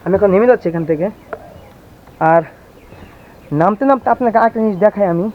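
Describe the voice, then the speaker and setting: High, fast-talking man vlogging outdoors. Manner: chatty, keeps asking viewers to look. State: voice going hoarse. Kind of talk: walking tour vlog. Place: outdoors on a windy farm estate. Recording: dull lo-fi phone audio with faint outdoor noise.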